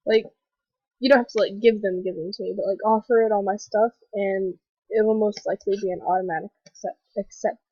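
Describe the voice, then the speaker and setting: A young woman with a stuffy cold voice hosting a casual gaming commentary vlog, rambling excitedly with lots of fillers. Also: medium pitch, fairly quick, husky, dry recording. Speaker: gaming video host. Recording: dull lo-fi voice recording.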